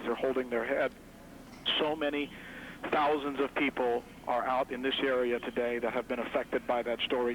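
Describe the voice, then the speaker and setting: Flat-voiced male field reporter. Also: medium pitch, slight background noise, rough recording. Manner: plain, level delivery with fillers. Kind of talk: live news report from the scene.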